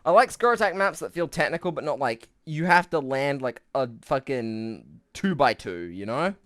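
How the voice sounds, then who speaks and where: A man's voice: medium pitch, animated, normal speed, a bit bright, no echo, studio quality. A young man giving casual live commentary on his gameplay, rambling and swearing, a bit out of breath. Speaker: streamer.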